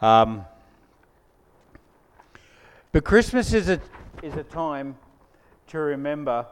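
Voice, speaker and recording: A man's voice: fairly high pitch, big pitch swings, takes it slowly, clear, resonant tone. A man preaching a sermon as pastor, conversational with joking asides to the congregation, on a mic in a church hall. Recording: long hall reverb.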